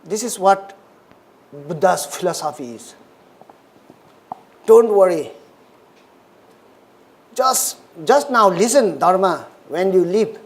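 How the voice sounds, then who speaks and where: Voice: mid-range voice, animated, takes it slowly, long pauses. A speaker from Nepal, giving a dharma talk in short, simple, repeated English phrases. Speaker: Buddhist lecturer.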